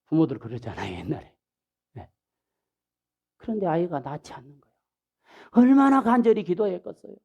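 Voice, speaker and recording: A male pastor giving a sermon, telling the story in an animated way, acting out the people in it and dropping into soft asides. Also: high voice, brisk, vocal fry, long pauses, lo-fi sound.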